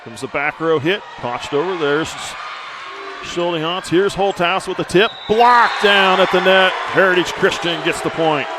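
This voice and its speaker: High-voiced male play-by-play sports commentator. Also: a little slow, background noise. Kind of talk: live volleyball commentary. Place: indoor sports arena, courtside. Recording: loud gym crowd and music behind. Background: crowd, music, bouncing balls.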